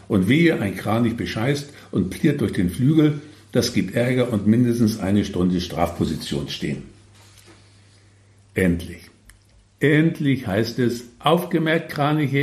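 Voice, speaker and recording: A man's voice: on the low side, dark tone, roomy sound. A man reading his own humorous story with wry, tongue-in-cheek asides.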